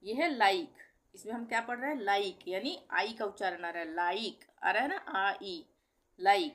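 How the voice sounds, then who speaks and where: A woman's voice: medium pitch, unhurried, fairly bright tone. A middle-aged woman teaching a pronunciation lesson, patiently repeating example words and asking and answering her own questions. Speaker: language teacher. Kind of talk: explanatory lesson.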